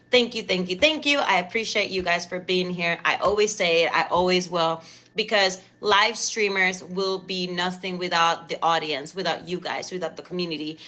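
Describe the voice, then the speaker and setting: Hosting a live stream talk show, this Cuban woman in her thirties speaks with a Cuban Spanish accent. Her mid-range voice is bright and forceful, and she is effusive and chatty, thanking people again and again.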